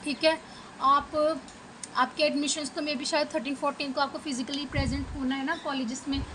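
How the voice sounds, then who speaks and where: A woman teacher with a high, bright voice and an Indian English accent teaches an exam-prep lesson. She explains each point step by step, often checking in with "okay". There is faint noise behind her voice. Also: level tone, a little fast, low-quality recording. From Punjab, India.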